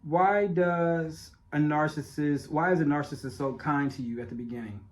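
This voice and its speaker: Speaking straight to his viewers, a man narrates a documentary he made himself in a casual monologue, emphatic and repetitive. He has a stutter and a speech impediment, and his fairly high voice moves at a moderate pace.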